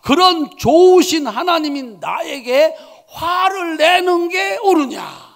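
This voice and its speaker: A man voicing God patiently reasoning with an angry prophet, asking loud and emphatic rhetorical questions in a sermon. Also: very high-pitched, slow pace, pitched above the performer's own voice, heavily acted. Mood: pleading, emphatic.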